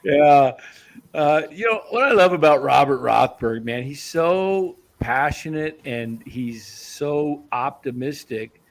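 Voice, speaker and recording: A man's voice: a little high, expressive, slow pace, gravelly. A man around sixty, co-hosting a casual chat in an easygoing, agreeable way over a video call. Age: 60s. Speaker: co-host.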